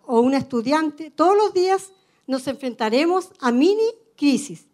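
High-voiced Chilean woman preaching. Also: darkish tone. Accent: Chilean Spanish. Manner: earnest, conversational, often adds "amen", tells personal stories. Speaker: preacher at a women's meeting. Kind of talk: sermon.

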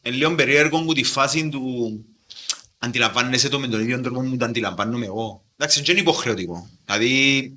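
A man's voice: mid-range voice, pushed and bright. A man with a Greek Cypriot accent hosting a casual interview, chatting in colloquial dialect with English words dropped in. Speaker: podcast host interviewing a band. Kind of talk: casual chat.

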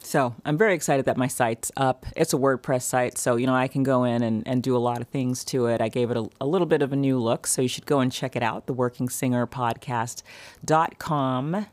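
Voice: mid-range voice, fairly quick, no echo. A podcast host giving an upbeat, chatty intro and interviewing a guest.

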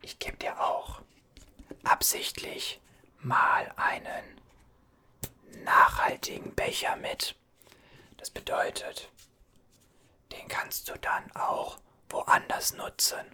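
Whispery gas station cashier guy, a man playing him, super airy and high, bright hiss, soothing chatter. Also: slow pace, long pauses. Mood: soothing, chatty. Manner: soothing, reassuring, rambling small talk. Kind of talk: whispered ASMR roleplay.

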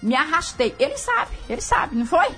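A woman's voice: high-pitched, very animated, brisk, over music. A woman radio pastor preaching with fervent emphasis, laughing often as she talks.

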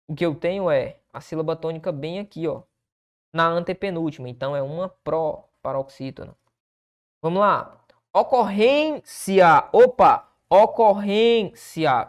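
A Brazilian man teaching Portuguese for an exam, working through test questions and answering his own rhetorical questions. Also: a little high. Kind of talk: exam-prep lesson walking through questions.

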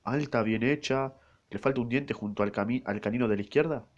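A man with an Argentine accent voicing a phlegmatic, gloomy musketeer, speaking in a slow, measured way. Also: mid-range voice, lo-fi sound, close to an everyday voice. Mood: grave. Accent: Argentine Rioplatense Spanish. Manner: measured, often slowed.

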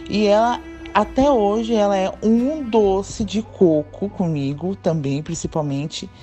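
Woman telling a story, mellow voice. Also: mid-range voice. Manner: animated, acts out quoted dialogue. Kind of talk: casual personal storytelling.

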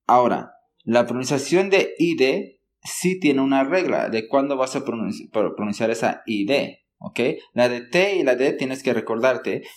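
A man teaching a language lesson, explaining patiently, checking in with listeners often and saying example words slowly for them to copy. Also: medium pitch. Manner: models words slowly for learners. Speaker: English teacher.

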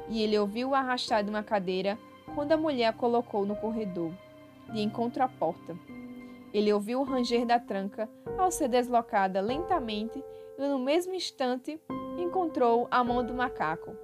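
Female storyteller, fairly high voice, measured dramatic reading, music bed behind. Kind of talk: reading a short story aloud. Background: background music.

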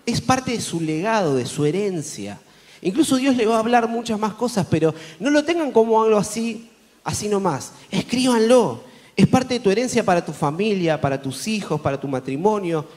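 A man with a Rioplatense Spanish accent preaching a conference sermon, telling Bible stories with lively rhetorical questions to the audience. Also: high-pitched. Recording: long hall reverb.

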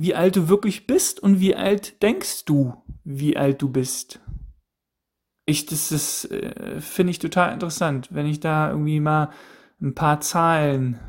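A man in his thirties hosting a solo podcast, musing aloud with repeated questions and frequent restarts. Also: fairly high pitch. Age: 30s. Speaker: podcast host. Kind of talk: casual solo podcast monologue.

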